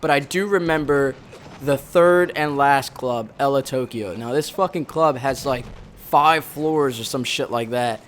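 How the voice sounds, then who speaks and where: A man's voice: mid-range voice, unhurried, slight background noise. A young man from the Bronx, a former Marine, telling a rambling, profanity-heavy story in casual chat over gameplay, often correcting himself mid-sentence. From the Bronx, New York. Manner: rambling, heavy swearing, frequent self-corrections.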